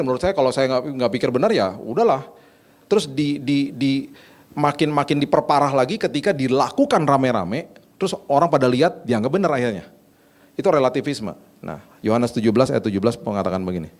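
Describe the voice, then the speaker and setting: A man's voice: medium pitch, a little mellow. A male pastor delivering a sermon in a casual, conversational way, acting out little anecdotes.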